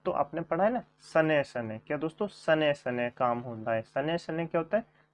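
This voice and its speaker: A man's voice: fairly high pitch, expressive, moderate pace, slight background noise. A man teaching a grammar coaching class, asking questions and repeating the answers to his viewers. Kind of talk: online coaching class lesson. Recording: dull lo-fi sound.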